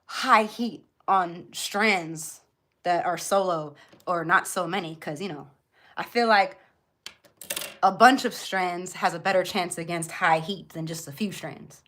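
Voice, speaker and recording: This woman, originally from Jamaica and raised in Florida, US, hosts a chatty live beauty tutorial aimed right at her viewers. Her pitch is fairly low with a slightly bright edge.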